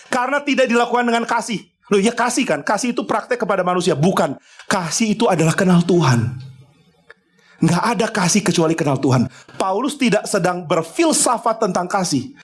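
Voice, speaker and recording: A male pastor preaching a sermon, conversational and emphatic, acting out little dialogues with the congregation. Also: high voice. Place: church.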